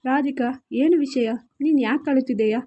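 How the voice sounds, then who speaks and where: A woman's voice: sits high, normal speed, mellow, dull audio, slight background noise, lightly acted. A woman voicing a hurt, anxious young husband in a storybook reading, asking reproachful, pleading questions. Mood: concerned.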